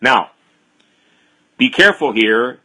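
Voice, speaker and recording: Man, preacher, sermon, slow deliberate delivery, emphatic scripture reading. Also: medium pitch, lively intonation, pushed and bright. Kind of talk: expository sermon.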